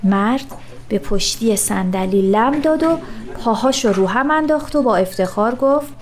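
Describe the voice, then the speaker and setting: A woman's voice: a little high, lively intonation. A woman giving scripted narration of a story, speaking earnestly and asking pointed questions.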